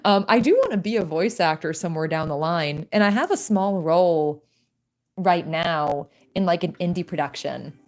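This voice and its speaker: Young woman, streamer, soft-spoken, slightly low voice, chatty, lots of fillers and small laughs. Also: moderate pace. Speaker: streamer working on an animatic. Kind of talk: casual chat.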